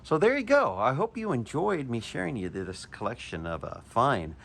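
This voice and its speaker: A man's voice: medium pitch, very animated, moderate pace, creaky, fairly bright tone. A man and knife collector giving a chatty, enthusiastic show-and-tell review, with chuckles and hesitant restarts.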